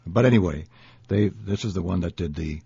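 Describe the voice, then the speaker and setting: An older man from Minnesota, reminiscing haltingly in an interview and searching for words. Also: low-pitched, creaky, warm tone, slightly rough. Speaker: interview guest. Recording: dull, dry lo-fi recording.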